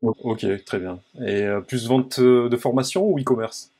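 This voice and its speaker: A man at a middle pitch, hosting a relaxed interview. He fires off quick either-or questions in a friendly, informal tone and hesitates often between words. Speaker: interview host. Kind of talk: casual interview, rapid-fire questions.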